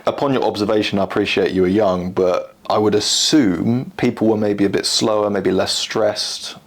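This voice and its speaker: Low-pitched man, casual interviewer, interested, affirming. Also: steady tone, normal speed. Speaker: interviewer, grandchild.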